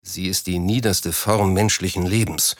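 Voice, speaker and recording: Casting: a panicky, indignant official with a low voice, dry close sound, read by the narrator. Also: male voice, normal speed, dry recording, close to an everyday voice. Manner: anxious and indignant. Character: flustered, panicky government official caught in scandal.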